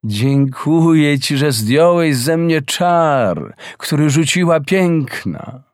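A man voicing a grateful talking meadow in a storybook reading, speaking slowly and from the heart. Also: on the high side, lively intonation, no room sound, studio quality, pitched above the performer's own voice. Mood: grateful, reproachful. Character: freed meadow, gentle and grateful.

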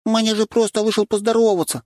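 A man's voice: high-pitched, level tone, fast talker, a little mellow, dry recording, studio quality, voice pushed up, lightly acted. A man voicing a tiny, cheerful, eager red-haired young woman. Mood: bubbly. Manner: bubbly, eager.

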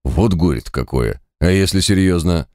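Guy reading a confused impatient gamer, his own low voice. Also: animated, normal speed, a little mellow, no room sound, studio quality. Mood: puzzled. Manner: impatient, questioning. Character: puzzled male gamer waiting for answers.

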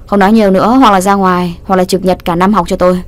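A woman's voice: on the low side, level tone, fast talker, natural voice. A woman voicing a teasing, domineering young male teacher in a storybook reading, smug one moment and strict the next. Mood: stern. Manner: smug and teasing, then stern.

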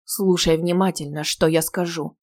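A woman reading an audiobook who voices a threatening male attacker in a hoarse, deliberately disguised deep voice. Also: steady tone, a little mellow, natural voice. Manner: threatening, low and clipped.

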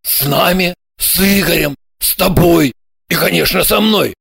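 A woman voicing a flustered, quick-tempered middle-aged male boss in an audiobook, with a gravelly, breathy, slow manner. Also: fairly low pitch, a bit bright, no echo, clean studio sound, full character voice. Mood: grumbling. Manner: slow, blustering. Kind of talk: audiobook character voice.

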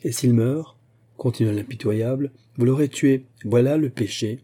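A man's voice: mid-range voice, normal speed, mellow, breathy edge, close to an everyday voice. A man reading aloud and voicing a cruel young woman at court who taunts her rival insistently. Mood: taunting.

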